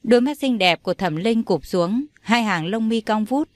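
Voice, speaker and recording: A woman reads a melodramatic novel aloud in a scripted, expressive way. Her voice is recorded very dry and close, with no room sound around it. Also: medium pitch, moderate pace, no echo. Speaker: audiobook narrator. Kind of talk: scripted story narration.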